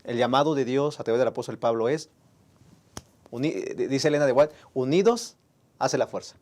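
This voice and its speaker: A man's voice: mid-range voice, steady tone, fairly quick, a little mellow. A man with a Mexican Spanish accent, discussing a Sabbath school lesson in an earnest, preacherly way.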